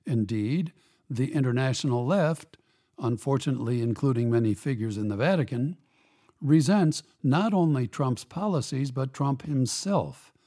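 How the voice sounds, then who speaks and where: Man, host, scripted opinion commentary, dark mellow tone, emphatic and pointed. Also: mid-range voice, lively intonation, moderate pace. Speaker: host of a radio commentary program.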